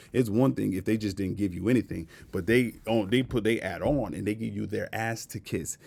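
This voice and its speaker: A man's voice: fairly low pitch, vocal fry, darkish tone. A man giving a casual, blunt and profane rant to camera, repeating his points with emphasis. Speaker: vlogger.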